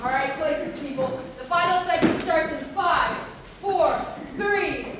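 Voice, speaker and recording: A bossy female show director acted by a woman barks orders in exasperation. Her voice is very high. The stage comedy is recorded from far off in a noisy, echoing theater. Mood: bossy, exasperated. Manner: barking brisk orders. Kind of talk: live stage comedy acting.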